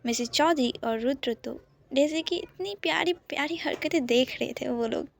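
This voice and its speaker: Woman storyteller, high voice, calm soft narration, romance tale. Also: moderate pace, vocal fry.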